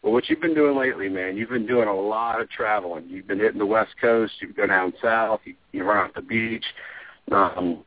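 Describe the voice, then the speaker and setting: A man's voice: lowish voice, normal speed, no echo. Male radio host, call line breaking up, tinny phone sound, dry, easygoing. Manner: easygoing, joking, with filler words. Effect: call line breaking up and cutting out. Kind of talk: casual radio chat.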